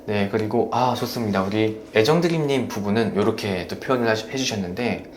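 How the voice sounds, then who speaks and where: A man hosting a live stream on marriage, gently coaching and praising viewers as he reads their comments. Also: on the low side, brisk, reverberant, slight background noise.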